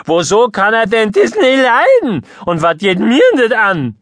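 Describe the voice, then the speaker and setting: A man voicing a cheeky teenage boy whose voice is breaking, speaking in Berlin dialect with a squeaky, tinny, cracking tone. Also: huge pitch swings, a little slow, a bit bright, heavily acted. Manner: cheeky, singsong.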